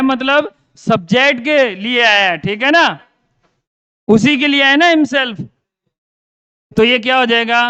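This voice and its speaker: High-voiced teacher. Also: male voice, bright, forceful tone, smooth, dry recording, muffled recording. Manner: repeats questions and answers them himself. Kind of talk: grammar lesson.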